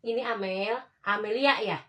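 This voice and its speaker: A woman's voice: mid-range voice, normal speed, fairly bright tone. A woman, a spiritual healer questioning a patient, repeating words and murmuring pious exclamations. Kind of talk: spontaneous questioning with murmured prayers.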